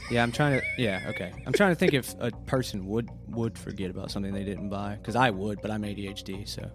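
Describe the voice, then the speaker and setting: A man's voice: fairly low pitch, fast talker, soft background music. A man playing a tabletop role-playing game, talking casually in and out of character in a blunt, sweary way.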